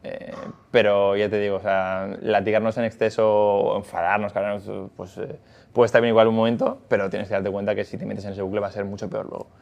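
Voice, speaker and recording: Man, casual chat, fast and halting delivery, low pitch, muffled lo-fi recording. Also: level tone, vocal fry, a little mellow. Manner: hesitant, many fillers and restarts. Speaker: factory worker and father. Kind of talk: casual conversation.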